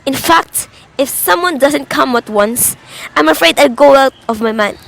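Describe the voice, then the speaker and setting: Young woman acting a very high-voiced, frightened invalid woman. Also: creaky, low-quality recording. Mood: upset, insistent. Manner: melodramatic, anxious, halting. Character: frightened, demanding invalid woman alone in her house. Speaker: student performer in a class radio drama. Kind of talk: suspense radio drama acting.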